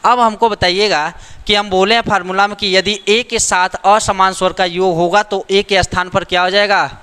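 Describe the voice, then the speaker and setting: A man's voice: sits high, fairly even intonation, moderate pace, pushed and bright, clear, resonant tone, big-room sound. A man teaching a grammar lesson, repeating the rules and asking rhetorical questions to check that students follow. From India.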